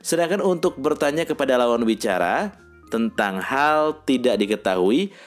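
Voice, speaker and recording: Man teaching in a calm, measured voice. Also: mid-range voice, soft background music. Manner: reads sample sentences slowly and deliberately. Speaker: language teacher. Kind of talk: scripted lesson narration.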